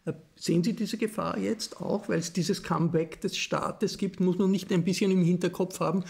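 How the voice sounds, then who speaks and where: A man with an Austrian accent interviewing a politician, halting and searching for his words. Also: high voice, fairly even intonation, vocal fry, darkish tone, breathy edge. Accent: Austrian German. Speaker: interviewer, journalist.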